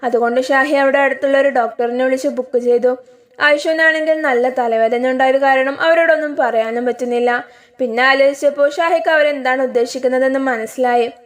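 Storyteller: woman, high voice, calm scripted narration. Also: brisk.

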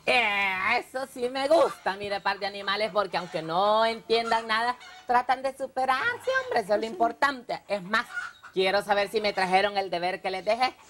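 A woman voicing a gruff male teacher, scolding and mocking his slow students. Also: mid-range voice, a bit bright, a little hiss or hum, voice pushed down, close to an everyday voice. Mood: lecturing. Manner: scolding, calls people animals.

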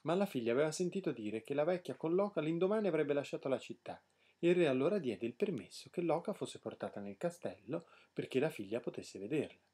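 A man tells a fairy tale in an expressive, lively storyteller's manner. His voice is husky and mellow with a fairly high pitch, swinging widely up and down. He moves along at a fairly quick pace.

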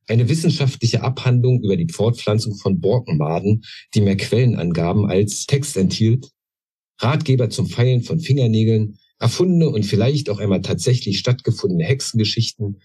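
A man, an author, reading aloud from his own novel in a measured, deliberate way, then talking about his characters. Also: fairly low pitch, warm tone, breathy edge.

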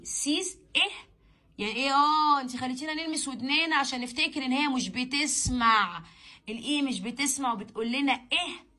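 Egyptian woman, English teacher; quick, bright, higher voice; chatty drill-style phonics delivery. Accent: Egyptian Arabic. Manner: chatty, encouraging, repeats sounds in drills. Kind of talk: phonics lesson in colloquial Egyptian Arabic.

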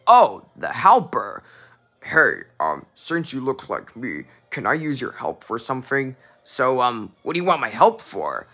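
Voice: mid-range voice, wildly swooping pitch, unhurried, sharp tone, full character voice. A young fan voicing a jumpy masked knight who yelps and stammers when startled. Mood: curious.

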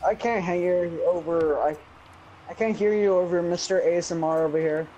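A young man chatting casually with friends while gaming, teasing and quick to complain. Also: sits high, warm tone, muffled recording, slight background noise. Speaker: gamer.

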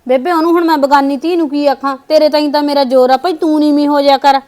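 A woman's voice: high voice, fairly even intonation, fast, darkish tone, lightly acted. A woman playing a soothing grown daughter. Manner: soothing, pleading. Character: grown married daughter visiting her mother, peacemaker.

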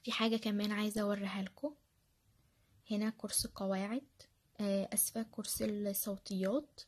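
Husky-voiced Egyptian woman giving study tips. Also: mid-range voice, fairly even intonation, fairly quick. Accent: Egyptian Arabic. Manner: chatty, repeats phrases, many fillers. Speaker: language learner sharing study tips. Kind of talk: casual screen-share tutorial.

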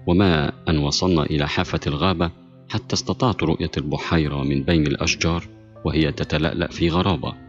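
A man narrating a horror novel as a steady storyteller, reading every part in one voice. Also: very deep voice. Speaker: audiobook narrator. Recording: dull lo-fi voice with faint music.

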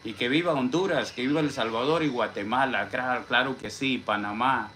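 A Mexican man rants on a casual live stream, boasting about himself and dropping "hombre" into nearly every sentence. His voice sits at an ordinary middle pitch, and he stops to greet viewers from the chat. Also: moderate pace, sharp tone, a little hiss or hum. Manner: boastful, repeats "hombre" constantly.

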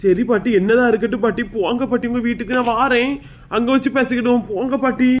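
A woman's voice: on the high side, fairly even intonation, fast, natural voice. A woman playing a flustered young female borrower with a Kanyakumari Tamil accent, anxiously pleading with an old lender to leave.

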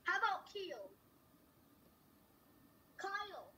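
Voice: extremely high pitch, very animated, extremely slow, bright, forceful tone, full character voice. A performer playing a goofy, joking kid friend on a video call in a fan puppet comedy, throwing out silly random names. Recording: distant mic with faint noise.

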